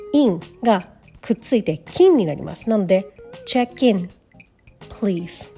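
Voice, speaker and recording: A woman's voice: medium pitch, mellow. A woman teaching English pronunciation, patiently demonstrating each sound step by step, with faint music behind her.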